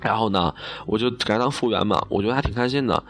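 A man's voice: fairly low pitch, rapid-fire, fairly bright tone, soft background music. Chatty young man with northwestern Chinese lilt. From Xi'an, China. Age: young adult. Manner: chatty, self-mocking, laughs at own jokes. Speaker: broadcasting student. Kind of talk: casual storytelling monologue.

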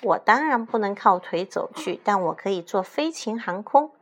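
A woman's voice: mid-range voice, lively intonation, normal speed, slight background noise, natural voice. A woman doing a brave little rooster. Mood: confident. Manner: defiant, determined. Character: brave young rooster, male, stubborn and confident.

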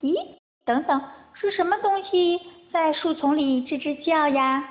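A woman's voice: sits high, a little slow, voice pushed up. A woman voicing a kind, brave little male animal child in a storybook, childlike and tearful, on a tinny phone-like recording.

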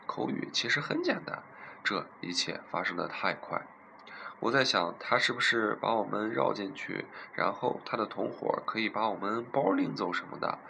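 A man's voice: fairly low pitch, expressive, normal speed, creaky, pushed and bright, slight background noise, poor audio. A young man from eastern China telling a funny story in a playful, amused way. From Zhejiang, China. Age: young adult. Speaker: vlogger. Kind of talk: casual storytelling.

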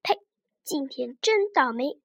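A woman's voice: sits high, animated, takes it slowly, dry recording, clean studio sound, heavily acted. A woman putting on a huffy old bearded fisherman. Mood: angry. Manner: huffy, spitting out his words.

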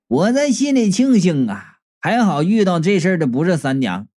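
A woman reading a comic story aloud in an animated, exclamatory storyteller's manner. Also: lowish voice, normal speed. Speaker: audiobook reader.

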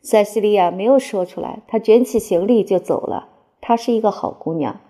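A woman's voice: medium pitch, moderate pace, dark tone, close to an everyday voice. A woman voicing a boastful male fencing master and former soldier, telling his story to a laughing crowd with a mocking, theatrical manner. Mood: scornful. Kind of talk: audiobook character voice.

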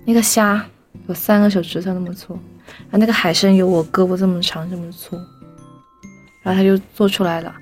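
A young woman telling a personal story as a podcast guest, lively and animated, briefly voicing the people she quotes. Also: on the low side, brisk, faint music behind.

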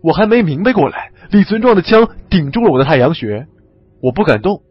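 Husky man narrating a story expressively. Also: a little high, sing-song, brisk, lo-fi sound, faint music behind. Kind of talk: first-person audiobook narration.

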